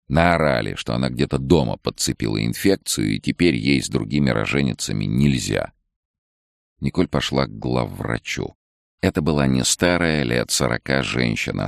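Very deep, gravelly male narrator. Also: dry recording, clean studio sound. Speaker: audiobook narrator. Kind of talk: audiobook narration.

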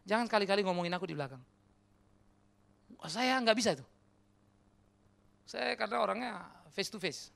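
Lively, high-voiced preacher, gravelly edges. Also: male voice, brisk, long pauses. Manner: animated, questions the congregation directly; mixes casual slang and English words. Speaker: pastor. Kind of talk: sermon. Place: church.

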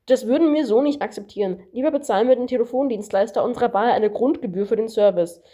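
A woman's voice: fairly high pitch, mellow, natural voice. A woman voicing a cheeky, lecturing male kangaroo in an amateur audiobook reading. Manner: smug, lecturing, quick-witted.

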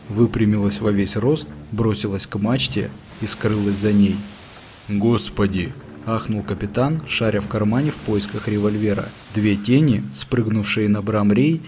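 A man narrating a story in first person, reading in a steady, measured way. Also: fairly low pitch, slight background noise. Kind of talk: audiobook narration.

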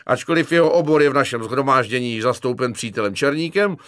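A man's voice: medium pitch, lively intonation, a bit bright, no echo, studio quality, pitched above the performer's own voice, natural voice. A man voicing a cynical, joking young army medic corporal in an audiobook, slangy and chummy with a mocking edge. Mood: pompous. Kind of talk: audiobook character voice.

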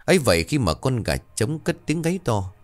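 A man's voice: medium pitch, sing-song, brisk. A man narrating a scripted horror story in a dramatic, suspenseful way.

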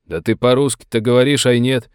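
A man voicing a gruff older Russian settler with a folksy, blunt, scolding manner. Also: lowish voice, moderate pace, a little mellow, no room sound, studio quality, close to an everyday voice.

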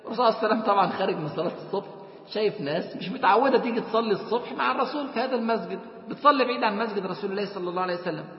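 A man with an Egyptian Arabic accent giving a religious lecture, asking rhetorical questions and moving between soft and emphatic delivery. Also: sits high, very fast. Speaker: preacher. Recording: echoey hall, dull lo-fi sound.

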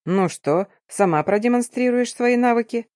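A woman voicing a confident, teasing young man in an audiobook, lowering her voice and drawing out the words. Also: moderate pace, a little mellow, dry recording, studio quality, close to an everyday voice. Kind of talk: audiobook reading.

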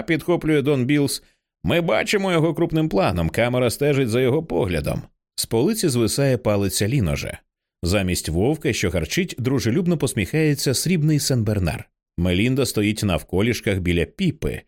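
A man reading a horror screenplay aloud as an audiobook, voicing the quoted lines with a lifted voice. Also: mid-range voice. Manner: lively, raising his voice for quoted lines. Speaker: audiobook narrator.

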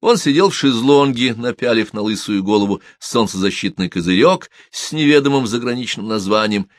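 A man reading an audiobook narration in an even, measured way. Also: medium pitch, no echo, clean studio sound. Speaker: audiobook reader. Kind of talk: scripted narration.

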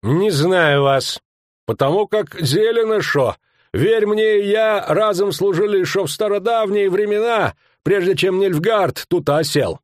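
A man voicing a wary, beer-loving tavern guard who talks slow and grudging. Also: sits high, dry recording, studio quality, voice pushed up.

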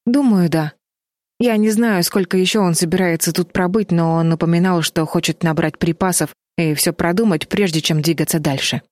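A woman's voice: lowish voice, normal speed, a little mellow, no echo, natural voice. A woman voicing an anxious, sensible girl who speaks sternly and pleads, in a storybook reading.

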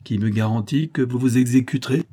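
A male narrator voicing a rough pirate ship captain who answers warily and gruffly. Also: mid-range voice, a little fast, dark tone, voice pushed up, lightly acted. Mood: wary.

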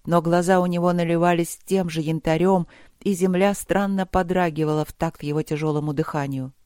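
Measured audiobook narrator, dry close sound. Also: medium pitch, steady tone, a little mellow, clear, resonant tone, no room sound. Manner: measured, dramatic storytelling. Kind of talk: scripted narration.

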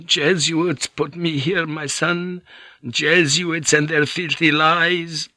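A man's voice: a little high, flat delivery, takes it slowly, sharp tone, dry recording, pitched above the performer's own voice. A man doing a frail old Spanish monk. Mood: suspicious, bitter. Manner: thick, sibilant peasant voice, pleading then bitter.

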